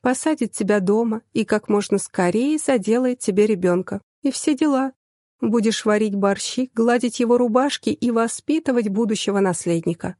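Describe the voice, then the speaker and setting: A woman's voice: on the high side, moderate pace, mellow, dry recording, clean studio sound, natural voice. A woman voicing a blunt, mocking young woman, the narrator's sister, with a wry, outspoken manner, in an audiobook reading.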